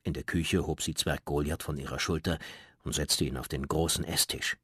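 A man reading a children's story aloud with lively storytelling, close to a studio mic. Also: very deep voice, normal speed, breathy edge, no echo. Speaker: reader. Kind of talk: scripted children's story narration.

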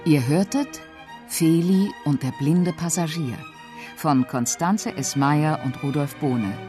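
A woman narrating a children's radio story with expressive, animated reading, recorded in a studio. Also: low voice, takes it slowly, over music.

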